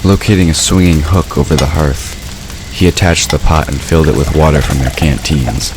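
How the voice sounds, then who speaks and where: Narrating a scripted story for an audio drama, a man speaks at normal speed in a very deep voice. The recording carries clear ambient background noise and sound effects.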